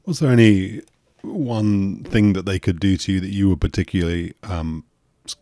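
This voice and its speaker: A man's voice: low-pitched, moderate pace, warm tone, dry recording, clean studio sound. A man hosting an interview podcast, asking probing, thoughtful questions. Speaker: podcast host.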